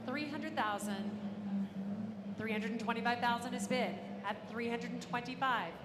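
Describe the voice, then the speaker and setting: A woman's voice: fairly high pitch, moderate pace. A woman auctioneer calling a live auction, repeating bids and asking for any advance. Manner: auctioneer's repetitive bid calling. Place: large auction room. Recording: echoey hall, ambient noise.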